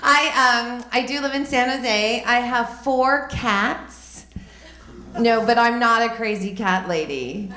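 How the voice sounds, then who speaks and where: Slow-paced woman joke teller, echoey room. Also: fairly high pitch, bright, forceful tone. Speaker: stand-up comedian. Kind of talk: stand-up joke telling. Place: live comedy stage. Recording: roomy, echoing live venue.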